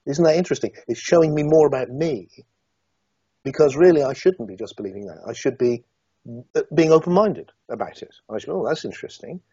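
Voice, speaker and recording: A man's voice: on the high side, brisk, breathy edge, dry recording, muffled recording. A middle-aged man from Somerset, England, a guest in an interview, talking reflectively and hesitantly, with many restarts. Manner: hesitant, many restarts, animated when recounting.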